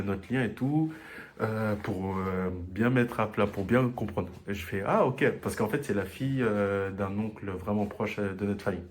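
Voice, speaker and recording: A young man recounting his trip in a lively, laughing storytelling vlog. His voice sits fairly low, and he often jumps up in pitch as he acts out what people said to him. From Comoros family, raised in France. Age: young adult. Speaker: vlogger.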